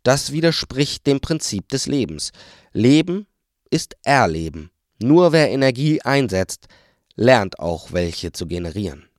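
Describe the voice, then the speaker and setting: A man voicing a wise, passionate male forest sage who lectures and is quick to indignation. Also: mid-range voice, sing-song, no echo, clean studio sound. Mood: explaining.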